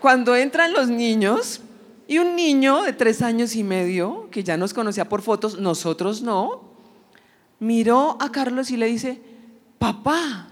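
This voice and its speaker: A woman giving an emotional church testimony, telling her story in an animated way and acting out the dialogue. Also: on the high side, measured pace. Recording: long hall reverb.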